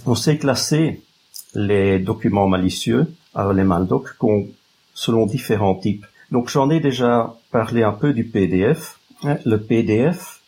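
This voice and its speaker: Guesting as an expert in an interview, a man from Flanders, Belgium, explains in a Flemish accent from his native Dutch, feeling his way through his sentences. His voice is fairly low, husky and darkish in tone.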